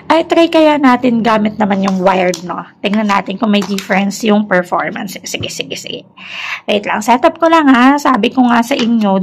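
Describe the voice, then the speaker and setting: A young woman and teacher, talking softly and chattily at home at night in a casual product review vlog. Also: on the high side, slight background noise, rough recording. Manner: talks softly, near a whisper, at night; chatty, mixing Tagalog and English. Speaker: teacher reviewing a lapel mic.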